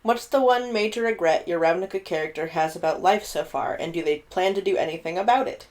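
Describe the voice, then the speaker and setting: A woman's voice: fairly low pitch, fairly quick. A woman co-hosting a podcast, chatting casually about tabletop game characters with plenty of fillers. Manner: chatty, warm, frequent fillers and laughs. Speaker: podcast co-host.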